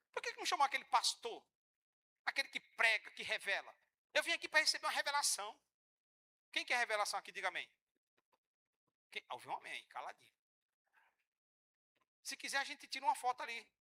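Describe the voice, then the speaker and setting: A pastor with a very high voice preaches a sermon in church, animated and joking with the congregation while often acting out the voices of church members.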